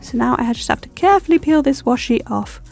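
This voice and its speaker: Fast, high and lively, this gravelly voice has a darkish tone, set against soft background music. It belongs to a young woman with a stuffy cold who chats and rambles, heavy on the ums, as she decorates her planner in a plan-with-me vlog.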